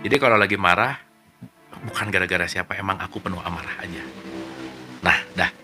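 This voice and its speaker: A man leading a relaxed online book study, reading passages aloud and then explaining them in a chatty, joking way while checking in with his listeners. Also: deep voice, a little fast, soft background music. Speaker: study group leader. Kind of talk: casual book study talk.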